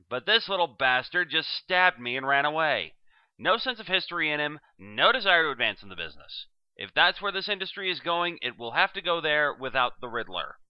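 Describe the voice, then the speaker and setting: A man plays an aging male supervillain giving a farewell staff speech in a comic dramatic reading. His phrasing is genteel, florid and sentimental, and his pitch sweeps up and down theatrically. The recording is dry and a little dull. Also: no echo, lightly acted. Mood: wry, indignant.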